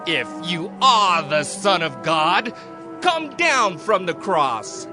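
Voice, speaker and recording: Mocking passerby, slow drawn-out taunts, swooping pitch, audio bible drama. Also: male voice, sing-song, full character voice. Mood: derisive. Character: jeering passer-by taunting a condemned man. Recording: music behind the voice.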